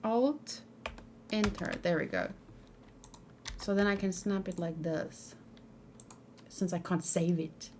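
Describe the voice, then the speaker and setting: A woman livestreaming a video game gives casual let's play commentary, thinking aloud and chatting with viewers over game music and typing. Her voice is lowish and darkish, slow with long pauses, and carries a little hiss or hum.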